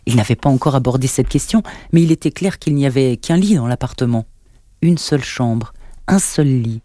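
A man narrating a novel in an even, measured storytelling manner. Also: mid-range voice, no room sound. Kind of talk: scripted audiobook narration.

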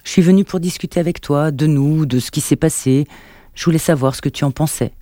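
A man reading an audiobook, voicing a quick-tempered, guarded woman in her thirties with a lifted voice. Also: fairly high pitch, warm tone, no room sound, studio quality, natural voice. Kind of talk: audiobook narration.

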